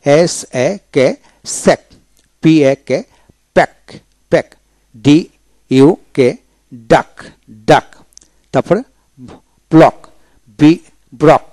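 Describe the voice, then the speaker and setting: A man's voice: fairly high pitch, darkish tone, no room sound. A man teaching English pronunciation, spelling each word out letter by letter and repeating it. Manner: slow, drilling each word twice.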